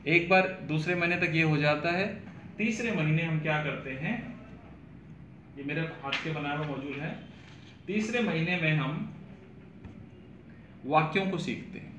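A man's voice: on the high side, normal speed, pauses often, pushed and bright, highs cut off, slight background noise. A man, explaining his English pronunciation course to students and repeating words to show how they sound. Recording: echoey room with faint ambience.

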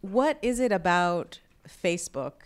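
A woman in her thirties moderates an on-stage interview in an auditorium, putting questions into a handheld microphone held at chest height. Her voice is fairly low and smooth, a little slow, with big pitch swings.

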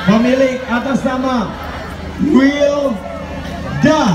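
A man's voice: very high voice, drawn-out words, distant mic, noisy background. A man working as an event MC, announcing a prize draw live from an outdoor stage. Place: outdoor festival stage at night. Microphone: heard over PA from a distant camera. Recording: echoey outdoor PA, loud music and crowd.

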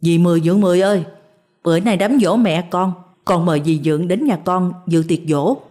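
A woman's voice: on the low side, brisk, mellow, natural voice. A woman voicing a polite young man in a spoken story who hurriedly and respectfully invites his older relatives.

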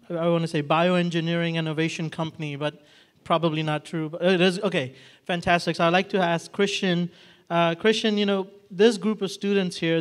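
Man, high voice, event host, halting and full of fillers, handheld mic in a big hall. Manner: halting, many restarts and fillers. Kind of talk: unscripted event hosting. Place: large hall with red walls and a projection screen. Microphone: handheld microphone.

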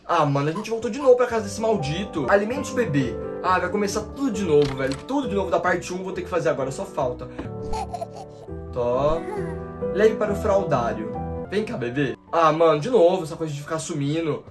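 This is a high-pitched, very animated, slightly fast voice belonging to a nineteen-year-old man with a Brazilian Portuguese accent. As a gaming YouTuber narrating horror gameplay over game music, he gets panicky and jumpy, shrieks, and fires off repeated slang-laden words directly at viewers.

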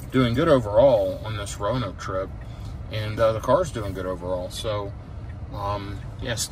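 A middle-aged man casually narrating his drive from inside a moving car, unhurried and halting, with frequent filler sounds. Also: on the low side. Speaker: EV road-trip vlogger. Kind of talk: casual narration while driving. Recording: loud car road noise. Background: loud road and engine noise.

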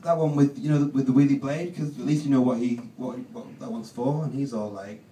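A young man doing stand-up in a halting, deadpan way full of ums. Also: medium pitch. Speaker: stand-up comedian. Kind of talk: stand-up comedy set. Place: comedy club stage. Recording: roomy live club, distant mic, noisy.

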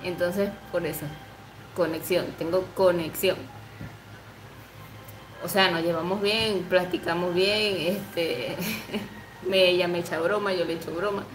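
A woman in her twenties chats on a livestream in a slow, unhurried way, reading out comments and giggling between them. She coos baby talk to her pet. Her voice carries the echo of a bare room with a faint hum behind it. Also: on the low side, steady tone. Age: 20s. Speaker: livestream host.

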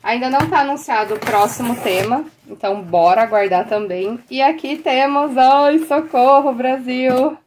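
A woman's voice: a little high, moderate pace, few pauses, slight background noise. Gushing Brazilian woman unboxing on camera. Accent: Brazilian Portuguese. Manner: gushing, excitable, frequent delighted exclamations. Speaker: teacher and unboxing vlogger. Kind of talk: casual unboxing chat to the camera.

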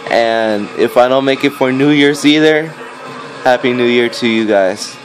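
Recorded on a phone in low quality, a teenage boy of fourteen rambles hesitantly through his gameplay while filming the screen indoors. He talks in a mid-range voice without rushing, over the game's music, for a gaming video.

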